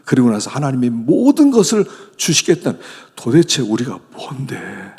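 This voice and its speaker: A middle-aged man preaching a sermon as a pastor, with sudden leaps from loud exclamations down to hushed whispers. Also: medium pitch, huge pitch swings, moderate pace, breathy edge. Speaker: senior pastor. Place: church sanctuary. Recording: long church hall reverb.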